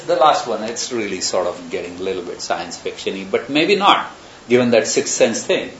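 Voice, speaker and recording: A man lecturing to a class, thinking aloud as he moves from one example to the next. The recording is roomy and echoey, a little muffled, with a faint hiss underneath. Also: lowish voice. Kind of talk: university lecture. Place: lecture room.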